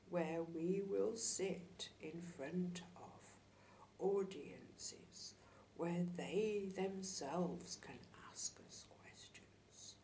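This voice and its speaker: A woman as a seance medium in trance, voicing a solemn spirit guide in a halting, hushed, half-whispered delivery with long pauses. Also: sits low, full character voice. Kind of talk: seance channelling, slow solemn discourse. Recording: distant mic, clear background hiss.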